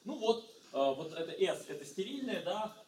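Man, middle-aged, physics lecture, halting with fillers, slightly high voice, roomy echo, mic far off. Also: sing-song, slight background noise. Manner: halting, many fillers and restarts. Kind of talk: university lecture at a blackboard. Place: lecture room.

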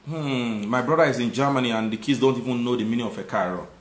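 A Nigerian man in his thirties, speaking with a Nigerian accent at medium pitch and a quick pace, hosts a live stream. He reads viewer comments aloud, thanks his audience, and argues his points with lively conviction. The sound bounces around an echoey room.

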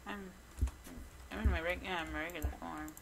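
A man giving casual gameplay commentary, rambling and chatty with many restarts and quick bursts of excitement at small finds. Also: fairly high pitch, vocal fry, background noise. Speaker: gamer recording gameplay.

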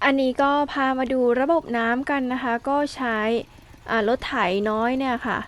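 Faint music plays behind a woman whose voice sits high, with fairly even intonation and a moderate pace. She's a farmer showing how she prepares a planting field, explaining each step politely and casually with soft particles in this informal instructional talk.

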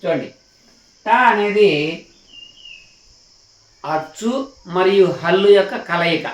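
A patient male teacher with a high voice leads a slow beginners' lesson, repeating each point and checking that learners follow. He sounds set back from the microphone in an echoey room. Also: far from the mic, muffled recording. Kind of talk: classroom lesson.

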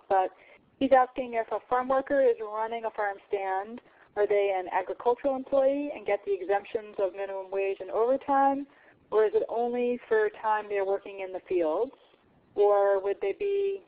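A woman moderating a webinar, relaying audience questions and adding her own thoughtful comments. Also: medium pitch. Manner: thoughtful, conversational, with fillers. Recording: tinny phone-like line.

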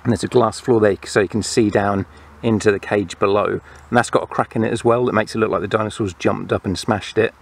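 A man casually narrating a toy playset review, explaining the features in a relaxed way. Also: fairly low pitch, a little fast, gravelly.

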